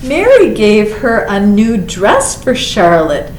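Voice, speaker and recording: In an echoey room with soft noise behind her, a medium-pitched woman reads a picture book to kids for library storytime. She goes slowly and steadily, full of expression, drawing words out and slipping in little asides.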